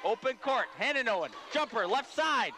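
A man calling basketball play-by-play, rapid and excitable as he follows the action. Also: very high voice, music in the background. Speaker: play-by-play commentator.

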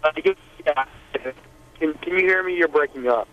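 A man's voice: a little high, measured pace. A man answering interview questions over a phone line that glitches and breaks up, speaking hesitantly with many restarts. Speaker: musician guest.

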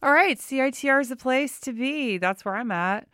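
A woman's voice: high voice, expressive, normal speed. A middle-aged woman talking through a face mask, slightly muffled, chatting informally and rambling as she hosts a radio fundraising show. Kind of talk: casual unscripted radio fundraising chat. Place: radio studio.

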